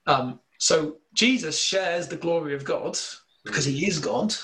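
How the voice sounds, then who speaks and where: Man with northern english accent, bible teacher, casual discussion, slightly high voice, earnest, many fillers. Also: lively intonation, unhurried, fairly bright tone. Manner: earnest, explanatory, thinking aloud with many fillers.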